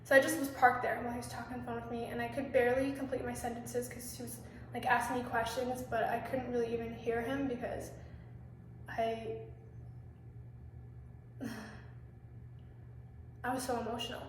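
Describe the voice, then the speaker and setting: A woman's voice: a little high, level tone, normal speed, long pauses. A young woman telling a candid, rambling personal story to camera, swearing often and filling her talk with fillers. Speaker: vlogger. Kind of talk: confessional storytime monologue. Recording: echoey room, mic set far off, faint noise.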